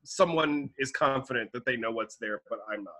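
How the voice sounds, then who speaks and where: A man's voice: mid-range voice, a little fast, pushed and bright. A man co-hosting a casual film-discussion podcast, thinking aloud and speculating, often restarting his sentences. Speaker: podcast co-host.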